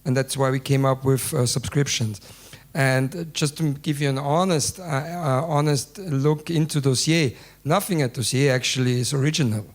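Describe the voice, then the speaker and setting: A man's voice: medium pitch, normal speed. A man speaking as a newsroom founder on a panel, answering hesitantly and reflectively. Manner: hesitant, reflective, clears throat.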